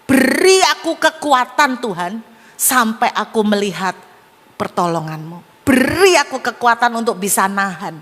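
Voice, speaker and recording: A woman voicing a patient young wife who prays gently, in a long church hall reverb. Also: on the high side, sing-song, unhurried, full character voice. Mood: pleading.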